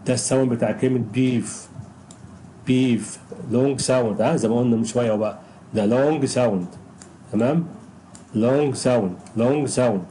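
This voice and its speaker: Egyptian male teacher, mellow tone, patient and repetitive, light background hiss. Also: mid-range voice, rough recording. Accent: Egyptian Arabic. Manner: patient, repeats each word slowly several times. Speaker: English teacher. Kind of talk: recorded screen lesson.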